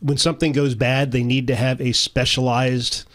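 A man's voice: mid-range voice, little pitch movement, moderate pace, a bit bright. A man in his sixties co-hosting a local radio talk show, asking long, rambling conversational questions. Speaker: radio co-host. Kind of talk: casual radio talk interview. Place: radio studio, indoors. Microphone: studio boom mic.

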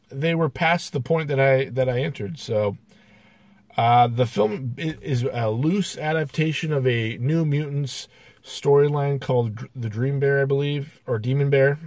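Man, film reviewer, casual and halting, dry recording. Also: mid-range voice, darkish tone, dry recording. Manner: hesitant, many "uh" fillers. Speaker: movie reviewer.

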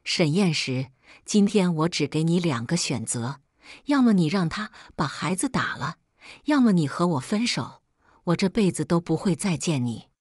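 A woman's voice: lowish voice, lively intonation, moderate pace, darkish tone, breathy edge, dry recording, studio quality. A woman reading the lines of a fragile, manipulative young man who speaks in a tearful, wounded way.

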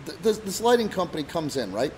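A man's voice: on the high side, big pitch swings, fast, darkish tone, a little hiss or hum, rough recording. A middle-aged man co-hosting a casual chat, telling stories in a profane, rambling way. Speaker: podcast co-host, wrestling promoter.

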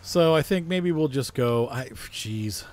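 A man's voice: mid-range voice, lively intonation, slow, darkish tone. A man casually talking through a farming simulator playthrough, thinking aloud with frequent fillers. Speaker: gaming video host. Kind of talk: casual farming-sim commentary.

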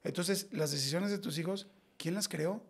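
High gravelly Mexican man telling stories. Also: normal speed. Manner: animated storyteller, slangy and blunt. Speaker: podcast guest. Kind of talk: casual podcast conversation.

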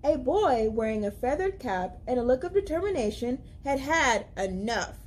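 A young woman reading a children's picture book aloud as a library storyteller, with expressive, deliberate, dramatic emphasis. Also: high voice, a little hiss or hum. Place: indoors, library among bookshelves.

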